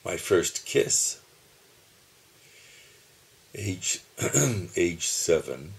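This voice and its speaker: Seated at his computer at home, a deep, gravelly-voiced diarist in his 70s muses slowly over personal memories, recorded on the computer camera mic. Though his pace is unhurried, with soft chuckles and pauses, he is very animated. He describes his own voice as dull.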